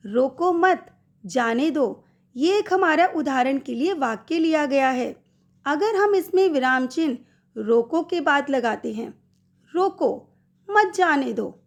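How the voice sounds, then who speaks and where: A middle-aged woman teaching a Hindi grammar lesson to schoolchildren, speaking some examples in an animated voice. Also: high voice. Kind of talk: slow recorded classroom lesson.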